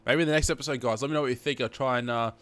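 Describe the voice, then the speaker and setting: Speaking rapid-fire into a headset, a man in his twenties with an Australian accent gives casual, sweary gameplay commentary and chats with viewers he calls guys. His voice is medium-pitched with fairly even intonation and a fairly bright tone, and he's a bit sniffly from hay fever.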